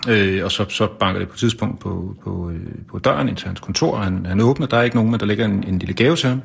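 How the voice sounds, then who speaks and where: A male author discusses his Christmas horror book in a relaxed interview. His voice is low and husky, and he speaks haltingly, with frequent fillers and restarts. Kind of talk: casual interview talk and reading aloud.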